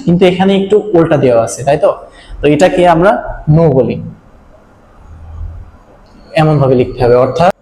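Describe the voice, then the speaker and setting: A man's voice: high-pitched, a little mellow. A man teaching a step-by-step video lesson on writing Japanese letters, explaining patiently with small fillers. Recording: echoey room.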